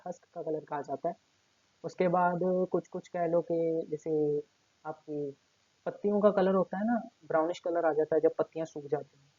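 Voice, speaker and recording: A man's voice: fairly high pitch, slightly rough, no echo. A male teacher giving a recorded class lecture while seated at his table, explaining step by step and checking in with his students after almost every point. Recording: tinny phone-like lo-fi audio.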